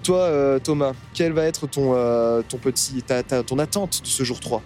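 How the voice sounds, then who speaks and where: A man's voice: medium pitch, moderate pace, darkish tone, faint music behind. A French man chatting casually in a car, hesitant and full of fillers. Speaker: podcast co-host. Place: inside a car on a highway.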